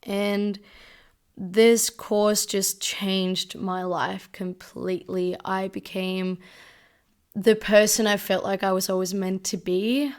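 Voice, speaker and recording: A woman in her twenties from Denmark, hosting a podcast and talking in a gentle, reflective way. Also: medium pitch, flat delivery, slow pace, clean tone. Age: 20s. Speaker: podcast host. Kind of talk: casual solo podcast talk.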